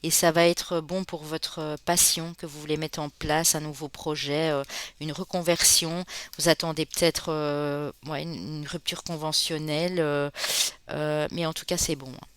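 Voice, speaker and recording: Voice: mid-range voice, little pitch movement, fairly bright tone, clear, resonant tone, dry recording. A card reader from the Spanish Basque Country giving a casual, chatty tarot reading, often tagging sentences with "hein" and calling listeners friends. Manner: chatty, fills pauses with "hein", calls viewers friends. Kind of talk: informal tarot reading to viewers.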